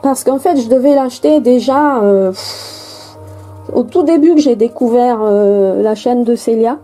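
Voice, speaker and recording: A woman's voice: on the high side, measured pace, mellow, soft background music, rough recording. A woman from France chatting casually and hesitantly while unboxing a card deck, with many fillers and restarts. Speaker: tarot and oracle card vlogger.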